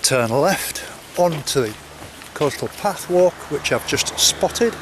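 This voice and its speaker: A man's voice: on the high side, lively intonation, slow, noisy background. A man vlogging outdoors on a coastal footpath, chatting effusively as he walks and meets people. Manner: chatty, warm-hearted, effusive. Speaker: walking vlogger. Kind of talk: casual chat and narration.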